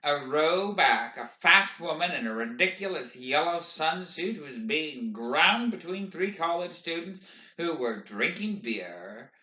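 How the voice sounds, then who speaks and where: A man reading a novel aloud in expressive, measured audiobook narration. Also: on the high side. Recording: roomy, dull lo-fi recording.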